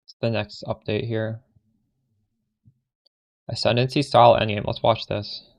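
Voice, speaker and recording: His voice sits lowish, creaky and a bit dark, with a level tone and a measured pace. He's a Canadian man with a Canadian accent playing a game on a live stream, casually talking with viewers, responding to chat as he goes and often letting sentences trail off.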